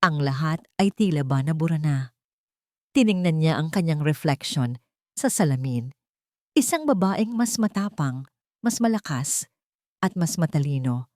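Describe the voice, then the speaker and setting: A woman with a Filipino accent narrates a dramatic audiobook story in a scripted storytelling style, animated yet unhurried, pausing often. Her warm voice sits fairly low, recorded dry and close with no echo.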